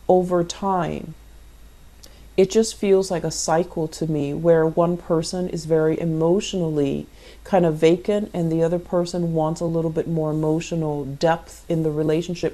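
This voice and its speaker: In a relaxed tarot reading, a woman who runs her own channel explains what she sees and speaks directly to whoever is listening. Her voice is low and mellow.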